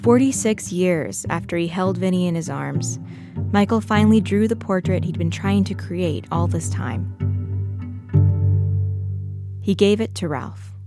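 A woman with a fairly low voice narrates a podcast in a measured, gentle way. She reads a script, and clear music plays under her. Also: expressive.

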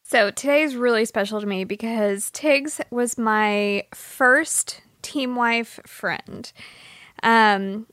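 A woman's voice: on the high side, takes it slowly, no room sound, studio quality. A woman hosting a talk show, introducing her friend in a heartfelt, rambling way. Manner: warm-hearted, emotional, rambling. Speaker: host. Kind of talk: casual chat.

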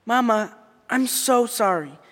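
An eager young boy in a children's audio story, rushing his words, quick to worry and quick to cheer, as an actor plays him. His middle-pitched voice rings with a long reverb. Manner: excited, quick and apologetic.

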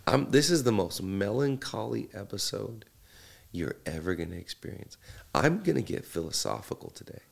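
A tired man with a raspy, froggy morning voice, chatting casually and playfully as a podcast host. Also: fairly low pitch, sing-song, normal speed. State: tired, under-slept. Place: in a house.

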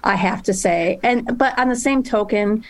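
A woman in casual podcast chat, telling a story in an animated, self-deprecating way. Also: medium pitch, moderate pace. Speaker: podcast co-host.

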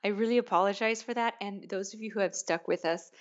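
A woman's voice: medium pitch, fast. A young adult woman co-hosting a podcast in casual, emphatic conversation, recorded in an echoey room. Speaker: podcast co-host. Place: echoey half-furnished study at home. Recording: echoey room, dull muffled sound.

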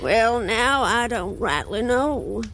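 A man voicing an eerie old grandmother with a slow drawl. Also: extremely high pitch, lively intonation, sharp tone, voice pushed up, heavily acted. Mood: menacing. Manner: slow drawling Southern speech.

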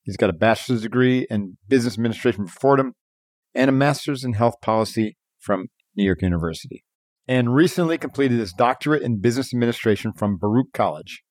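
A man's voice: mid-range voice, fast, a little mellow, no room sound, clean studio sound. A middle-aged man hosting an interview in an enthusiastic, chatty way, with plenty of loose fillers. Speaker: podcast host. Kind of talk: casual interview chat.

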